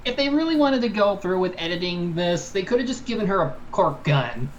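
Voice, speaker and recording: A woman's voice: on the low side, animated, a little fast, lo-fi sound, a little hiss or hum. A woman in casual podcast chat, thinking aloud and reworking her sentences as she goes.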